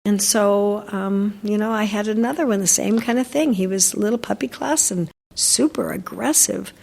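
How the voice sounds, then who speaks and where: A woman's voice: medium pitch, normal speed, vocal fry, a little mellow, long reverb tail. An older woman, a dog trainer, chatting in an interview and telling stories with lots of fillers and restarts. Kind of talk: casual interview chat.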